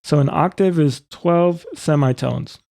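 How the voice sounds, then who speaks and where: Step by step and in a relaxed way, a man guides listeners through a software tutorial at a measured pace. His voice is mid-pitched, gravelly yet mellow, and it's captured up close in a very dry recording.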